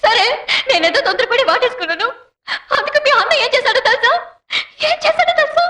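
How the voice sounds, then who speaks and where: An emotional young wife. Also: female voice, very high-pitched, lively intonation, normal speed, fairly bright tone. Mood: aggrieved. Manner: pleading, emotional delivery. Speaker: dubbing actress. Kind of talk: Telugu film dub.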